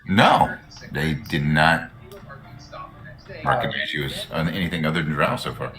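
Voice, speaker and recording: A man working as game master, narrating casually and haltingly as he thinks aloud. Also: rumbling low, a bit bright. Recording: distant mic, music playing behind.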